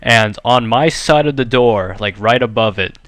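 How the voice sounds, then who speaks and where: A man's voice: medium pitch, measured pace, a bit bright, dry recording. A young man chatting casually over gameplay, telling a story in a rambling way full of "like" and "you know.". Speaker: gaming channel host.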